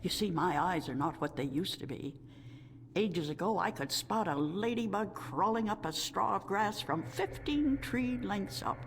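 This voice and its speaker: A woman's voice: medium pitch, animated, unhurried. Sweet old lady storyteller, echoing hall. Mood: kindly, measured. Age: older. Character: sweet old female storyteller of a non-human tribe. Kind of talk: scripted video game dialogue. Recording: echoing hall reverb, clear background noise.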